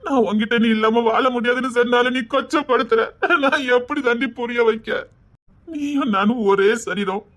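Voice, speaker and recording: A man with a Tirunelveli Tamil accent, playing a young husband who pleads and weeps over his beloved in an emotional melodrama. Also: extremely high pitch. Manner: pleading, tearful, sobbing between lines. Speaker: husband in a web serial.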